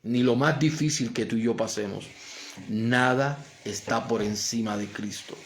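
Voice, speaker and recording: A man's voice: mid-range voice, unhurried, a little hiss or hum. A male pastor preaching a sermon, with a Colombian Spanish accent, building emphatic swells and posing questions he answers himself. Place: church.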